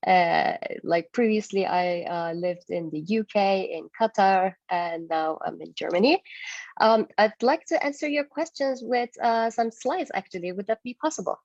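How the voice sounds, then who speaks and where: Gravelly woman on a video call. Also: mid-range voice, normal speed, darkish tone, no echo. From Turkey. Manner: hesitant with frequent fillers. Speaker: guest speaker, agency founder. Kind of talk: online presentation with slides. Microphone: video call microphone. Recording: dull dry video call audio.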